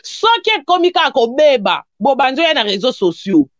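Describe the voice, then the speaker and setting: A woman's voice: sits high, big pitch swings, normal speed, dry recording. A woman commentator who lectures and scolds in a casual online talk. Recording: dull muffled recording.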